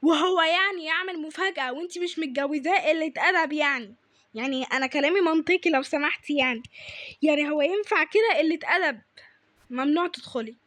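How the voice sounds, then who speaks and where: A woman's voice: sits high, fast talker, a bit bright, dry recording. A woman playing a strict, scolding Egyptian mother. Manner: scolding, nagging, insistent.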